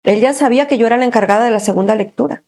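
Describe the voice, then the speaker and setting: This woman, whose voice sits a little high, recounts her personal faith story during an interview. She laughs often, talks with spirit, and fills her speech with short pauses.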